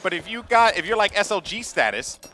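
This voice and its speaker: A man's voice: high voice, very animated, fairly quick, a crowd in the background. A man giving live esports commentary with playful, slangy banter.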